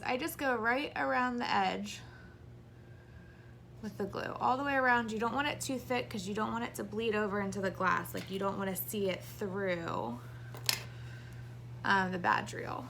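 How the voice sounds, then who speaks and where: Casting: heavily pregnant woman, out of breath, casual craft-tutorial host, gravelly fry, slight background noise. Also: mid-range voice, steady tone, moderate pace. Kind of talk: casual hands-on tutorial to camera. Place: small indoor craft room.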